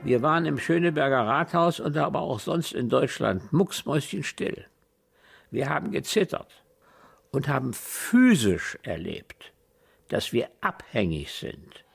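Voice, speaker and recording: A man's voice: mid-range voice, very animated, a little slow, creaky, husky. A man speaking earnestly as an eyewitness in an archival interview.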